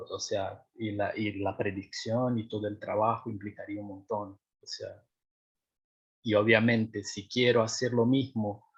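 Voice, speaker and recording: Fairly low-pitched and slightly rough, this young adult doctoral researcher, a Portuguese native speaker, talks through his work in a seminar, with the highs cut off. Hesitant, he uses many fillers and restarts and keeps checking he's being followed.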